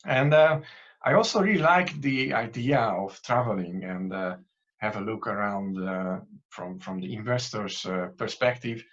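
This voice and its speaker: A man's voice: fairly low pitch, expressive, a little slow. Hesitant Hungarian-accented male interviewer. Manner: hesitant, many fillers and restarts. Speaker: interviewer, channel host. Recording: dull lo-fi audio.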